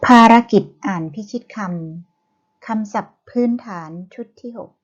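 A woman's voice: fairly high pitch, fairly even intonation, a little slow, husky, dull audio. A woman teacher leading a vocabulary reading drill, saying each word carefully, syllable by syllable, after the same spoken cue.

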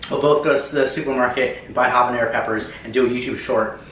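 A man's voice: mid-range voice, flat delivery, fast, a bit bright, slight background noise. A young American man chatting casually to camera as host of a challenge video, slangy and prone to swearing. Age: young adult. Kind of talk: casual vlog chat to camera. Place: home kitchen, indoors. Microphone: camera mic a few feet away. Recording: echoey kitchen, faint music behind.

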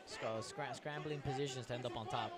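A man's voice: medium pitch, steady tone, a little fast. A man giving analytical live commentary on a cage fight, explaining tactics as he goes. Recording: loud music and crowd noise behind. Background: loud music and crowd.

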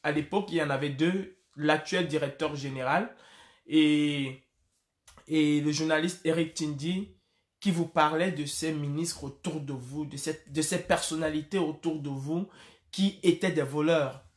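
A man, speaking to the camera in an impassioned, emphatic way. His voice sits somewhat high for a man. The room is echoey, and the camera mic is close. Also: fairly even intonation, unhurried. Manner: impassioned, emphatic, with frequent hesitations. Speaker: political commentator. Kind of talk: direct-to-camera address. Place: indoor room against a plain wall.

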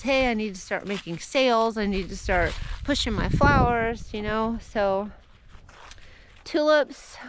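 Strolling outdoors on her farm in winter, a woman in her forties who grows flowers films herself with a handheld wide-angle camera at arm's length. Her pitch is fairly high, there's a little hiss or hum, and she chats casually and indecisively, laughing a lot and using "like" frequently.

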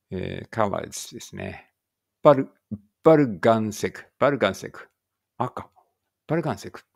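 A man with a low, gravelly voice works through a vocabulary list at a very slow, unhurried pace. He reads each word and follows it with its meaning, stumbling over a few sounds. A faint Ibaraki lilt colours his plain, self-practice reading. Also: a little mellow. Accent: Ibaraki Japanese. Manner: reads each word then its meaning, with small slips and asides. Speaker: language learner reading vocabulary aloud.

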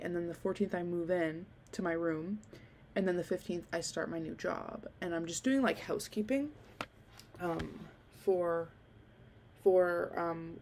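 Slight background noise accompanies this young woman podcaster as she chats casually in a dim bedroom, rambling through many ums and likes into a handheld desk mic near her mouth. Her voice sits on the low side with a darkish tone, a little nasal from sickness.

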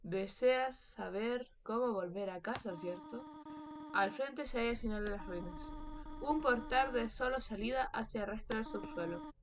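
A woman voicing a gentle but stern motherly goat woman, reading the game's lines in a soft, measured way, with faint game music behind. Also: a little high, natural voice.

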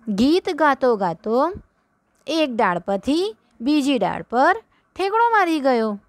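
A woman's voice: high-pitched, no room sound. A woman teaching young children, reading a story aloud with them line by line, then explaining it and asking them questions. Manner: reads slowly, repeats lines, quizzes the children. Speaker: primary school teacher. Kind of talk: slow read-along story lesson for children.

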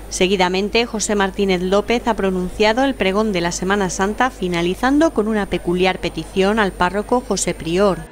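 A woman's voice: medium pitch, normal speed, hardly any pauses. A woman with an accent from Spain reads scripted local news narration as a reporter. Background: music.

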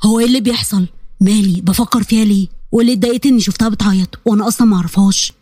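A woman's voice: medium pitch, steady tone, very fast, mellow, pitched below the performer's own voice, lightly acted. A woman voicing a stern young man with an Egyptian accent, exasperated and scolding his sister. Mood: puzzled. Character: young adult man, stern older brother.

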